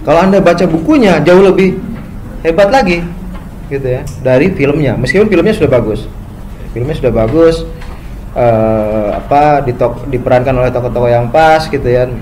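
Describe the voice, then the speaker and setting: A man giving a spoken lecture, often ending phrases with "gitu ya" and pausing on fillers. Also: medium pitch, animated, darkish tone, a little hiss or hum, rough recording. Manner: frequent "gitu ya" tags, hesitant fillers.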